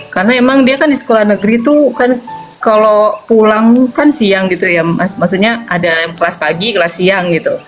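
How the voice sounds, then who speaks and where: A mother in her forties tells a story in a casual interview at a moderate pace, with soft music in the background. She's animated, laughing often and acting out quoted lines with sharp jumps in pitch.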